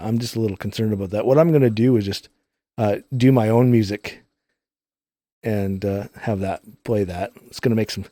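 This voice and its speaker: A man's voice: fairly low pitch, warm tone, no echo. A man chatting casually as he hosts a live game stream, rambling through technical explanations, his voice heavily compressed on a studio microphone. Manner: rambling, explains technical details while playing. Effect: audio compressor on voice. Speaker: live-streaming gamer and host. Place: recording studio. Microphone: studio microphones through a multichannel input.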